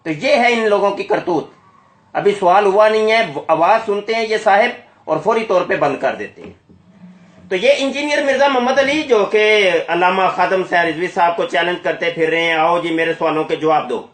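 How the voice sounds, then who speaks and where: Male live polemical host, high voice, combative and emphatic, echoey recording. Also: lively intonation. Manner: confrontational, accusatory, emphatic. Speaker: YouTube channel host making a live call. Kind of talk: polemical live commentary to listeners. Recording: echoey, roomy sound.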